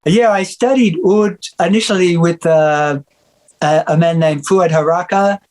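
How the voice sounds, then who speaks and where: A middle-aged man with an Australian accent talks through a video-call interview. His voice sits a little higher than usual for a man. He rambles easily, pausing on "uh" and reshaping sentences as he goes. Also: poor audio. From Australia (Victoria). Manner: relaxed, rambling with many fillers and restarts. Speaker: musician and music teacher, guest. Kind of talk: casual interview chat.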